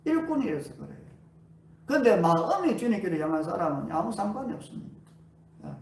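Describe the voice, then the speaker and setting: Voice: medium pitch, big pitch swings, a little fast, vocal fry, darkish tone, recorded from a distance. A pastor preaching a sermon at a healing revival, asking the congregation question after question. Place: church sanctuary. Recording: roomy church hall, voice away from mic.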